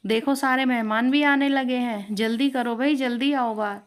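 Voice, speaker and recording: A woman's voice: a little high, fairly even intonation, normal speed, clear, resonant tone, voice pushed up, natural voice. A woman voicing an impatient middle-aged husband who calls out and hurries his wife. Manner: hurrying, calling out.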